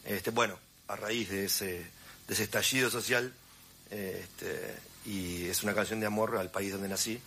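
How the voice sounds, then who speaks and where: Bright-voiced Argentine musician. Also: male voice, fairly low pitch, fairly even intonation, a little slow, a little hiss or hum.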